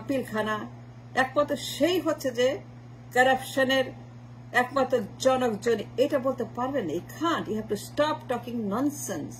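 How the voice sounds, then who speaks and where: A woman giving a forceful political monologue, mixing Bengali and English with insistent repetition. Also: sits high, slight background noise, poor audio. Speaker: political commentator.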